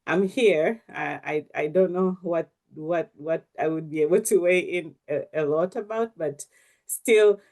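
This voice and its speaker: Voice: mid-range voice, unhurried, a little mellow. A panelist from Tanzania speaking hesitantly on a video call, with many restarts. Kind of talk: casual panel remarks.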